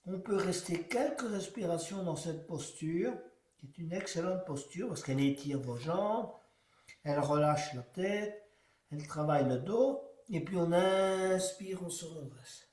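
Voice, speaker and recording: A man guiding a yoga class, giving slow, calm cues timed to the breath. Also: high voice. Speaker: yoga teacher. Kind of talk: guided yoga class instruction. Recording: echoey room, voice from far off.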